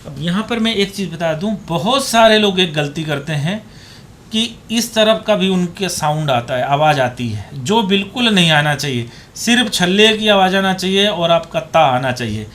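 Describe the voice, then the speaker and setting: A man's voice: high-pitched, lively intonation, normal speed, fairly bright tone, slight background noise. A man teaching dholak, patiently explaining hand positions and counting beats aloud as he plays. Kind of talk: demonstrating a music lesson. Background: dholak drumming.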